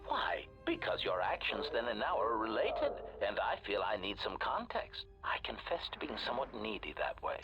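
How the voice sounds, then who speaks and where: A man's voice: on the low side, huge pitch swings, moderate pace, hardly any pauses, lo-fi sound. A man voicing a cold, sardonic male assassin droid in a video game, heard through a metallic robot filter, speaking formally and labelling each sentence before he says it. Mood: menacing. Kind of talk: video game character dialogue. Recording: game audio with background music. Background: game music.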